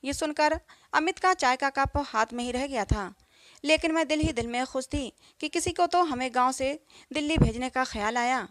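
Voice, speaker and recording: A woman narrating a first-person story as a storyteller, in a steady, emotional reading. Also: sits high, moderate pace, no echo.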